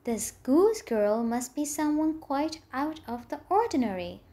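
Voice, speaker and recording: A woman reading aloud as a kindly, thoughtful old king in a fairy tale, speaking in a gentle, measured way. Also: high voice, big pitch swings.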